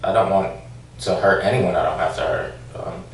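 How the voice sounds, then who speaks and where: Speaking at a normal speed in a low voice, a man who used to be a police officer responds to questions at a formal hearing, hesitating often and filling his answers with fillers and restarts. The recording has an echoey room, a distant mic and faint noise.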